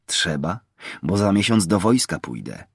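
Man reading a cocky young highland marksman, bold and teasing, gravelly tone. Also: big pitch swings, a little slow, no room sound, studio quality, exaggerated voice. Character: young male mountain poacher, proud and bold. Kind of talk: audiobook character reading.

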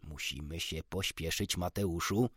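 A man voicing a kind, gentle middle-aged doctor in an audiobook, speaking softly and thoughtfully. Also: low voice, a little slow, husky, no echo, clean studio sound, voice pushed down, full character voice. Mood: hurried. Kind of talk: audiobook character reading.

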